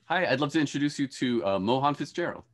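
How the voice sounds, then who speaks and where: Introducing speakers for a panel on a video call, a professor in his forties acts as host and moderator from an indoor room lined with shelves. He talks quickly and animatedly in a mid-range, medium-pitched voice, phrasing things tentatively and repeating words.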